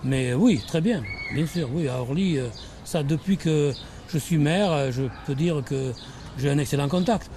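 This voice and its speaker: An older man, a mayor, answering interview questions outdoors, halting with many restarts. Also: on the high side, warm tone, slight background noise. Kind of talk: documentary interview while canvassing. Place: outdoors in a housing estate.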